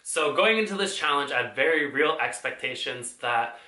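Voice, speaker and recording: A man's voice: medium pitch, lively intonation, normal speed, pushed and bright, roomy sound. A man talking casually in a vlog, chatty and playful, with exaggerated outbursts. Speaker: vlogger.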